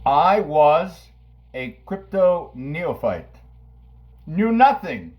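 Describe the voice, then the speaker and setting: Theatrical man vlogging from his kitchen, unhurried and animated. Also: highs cut off. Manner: playful, theatrical, swings from booming to low asides. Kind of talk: casual talk to camera. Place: home kitchen.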